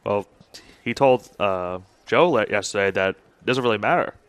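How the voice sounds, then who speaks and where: A man giving color commentary on a college baseball broadcast, relaxed and laughing along with his partner. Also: lowish voice, moderate pace, clear, resonant tone.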